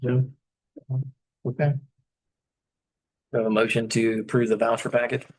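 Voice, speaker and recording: A man's voice: medium pitch, rough recording. Easygoing man chairing a council meeting. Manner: relaxed and polite, moves items along briskly. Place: town council meeting room.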